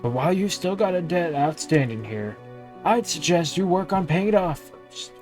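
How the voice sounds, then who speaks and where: A man voicing a downcast, gruff old fishmonger in a video game, curt and grumbling. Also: fairly high pitch, lively intonation, normal speed, a little mellow, soft background music, pitched above the performer's own voice, natural voice.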